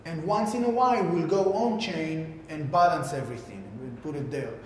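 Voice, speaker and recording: Stumbling through a product pitch to camera, this man in his 30s is a tech company founder giving an informal keynote explanation, heavy on fillers and repeated words. Faint rumble sits under the very echoey, reverberant room sound.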